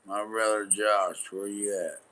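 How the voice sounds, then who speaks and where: Man, very deep voice, slow drawl, forceful edge, slangy, repetitive, rambling. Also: steady tone. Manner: slangy, repetitive, profane, drifting between thoughts. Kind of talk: rambling late-night talk.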